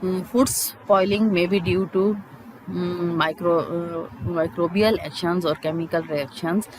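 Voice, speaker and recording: Halting teacher, noisy recording. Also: mid-range voice, steady tone. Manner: halting, explanatory, repeats key terms. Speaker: chemistry teacher. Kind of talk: school lesson, reading and explaining textbook points.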